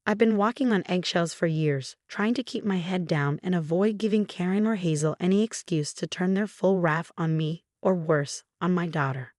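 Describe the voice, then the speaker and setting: A woman narrating a first-person story in a steady, even storytelling manner. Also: lowish voice, normal speed, hardly any pauses, no room sound, studio quality.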